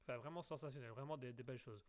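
A man's voice: medium pitch, racing. A man with a slight English accent hosting a live call-in radio show, playful, rambling and theatrical. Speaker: radio host.

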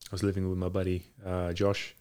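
A man's voice: sits low, completely flat delivery, fairly quick, a little mellow, smooth. A man in a casual chat as a guest, talking in a hesitant, rambling way. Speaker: podcast guest, boxing coach. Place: home garage.

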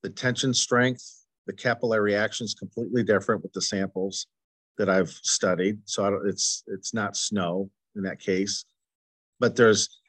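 A man hosting his podcast, speaking earnestly and haltingly, with frequent restarts and stutters. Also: on the low side, a bit bright, husky, no echo. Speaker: podcast host. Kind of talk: conversational interview.

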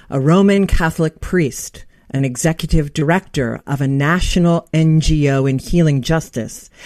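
A woman's voice: low voice, dry recording, studio quality. A woman hosting an interview show, introducing her guest in an earnest, heartfelt way with small restarts. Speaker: podcast host.

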